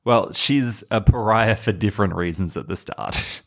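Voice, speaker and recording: A man's voice: fairly low pitch, a little slow, creaky. A man co-hosting a podcast in casual chat, laughing often and restarting his sentences. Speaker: podcast co-host.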